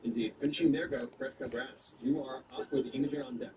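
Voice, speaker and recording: A man running a tabletop game as game master, narrating the action in a lively way with false starts. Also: medium pitch, quick pace. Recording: distant mic in a noisy room.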